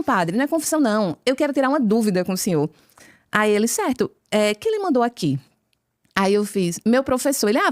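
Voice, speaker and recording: A woman with a Brazilian Portuguese accent, a podcast guest telling her conversion story as a lively storyteller who acts out each exchange of dialogue. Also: mid-range voice, no room sound, studio quality. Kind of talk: conversion testimony told as a story.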